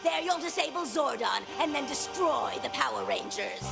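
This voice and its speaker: Evil sorceress empress, very high, raspy and swooping, barking orders theatrically over music. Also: female voice, expressive, moderate pace, exaggerated voice. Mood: scheming. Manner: shrill, shouted commands. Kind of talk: 1990s TV action series acting. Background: music score.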